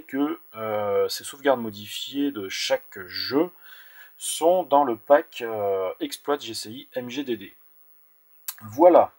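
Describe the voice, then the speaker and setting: A man's voice: mid-range voice, darkish tone. A young man hosting a screen-recorded tech tutorial, explaining step by step with a hesitant, filler-heavy delivery. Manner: hesitant, many fillers and restarts, repeats "donc". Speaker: tutorial host.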